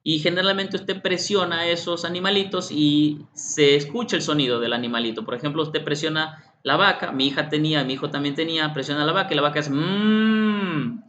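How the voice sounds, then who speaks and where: Bright-voiced man lecturing a workshop. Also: a little high, fairly even intonation, fairly quick, hardly any pauses. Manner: repeats himself, addresses participants directly, acts out children's voices. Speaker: workshop presenter. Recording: slightly muffled, faint background hum.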